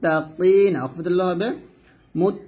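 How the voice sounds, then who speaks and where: A man teaching Quran reading in Bengali, spelling letters and vowel marks syllable by syllable and chanting the verses slowly. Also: high-pitched, fairly even intonation, darkish tone. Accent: Bangladeshi Bengali.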